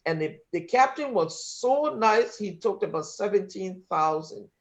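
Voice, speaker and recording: His voice sits high, with lively intonation and a measured pace, as he speaks earnestly and emphatically on a discussion panel. He is from Liberia and has a North American accent, sometimes restarting his sentences. The audio is dull and lo-fi.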